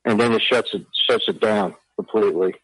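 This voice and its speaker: A man from New Jersey calling in to a radio show over the phone, asking about a car part in a halting way, with many pauses. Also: on the low side, fairly even intonation, fairly bright tone, slightly rough, no echo. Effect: radio show caller heard over the phone line. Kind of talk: casual question to hosts.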